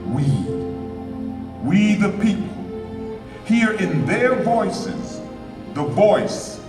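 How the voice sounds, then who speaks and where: Grand patriotic show narrator, slow n reverent, kinda far away in echoey hall w music. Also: male voice, high voice, animated, heavily acted. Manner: reverent, dramatic, drawn-out phrasing. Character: reverent, stately narrator of a patriotic presidential pageant.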